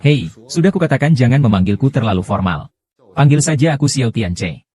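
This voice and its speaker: A man's voice: mid-range voice, animated, brisk, darkish tone, slightly rough. A man voicing a breezy, modest young male martial artist in dubbed drama dialogue.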